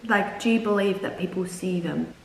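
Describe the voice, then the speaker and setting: A young adult woman telling personal stories in a casual, animated, dramatic way as the host of her channel. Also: fairly low pitch, normal speed, gravelly. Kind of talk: casual chat, storytelling. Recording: roomy echo, distant mic, noisy background.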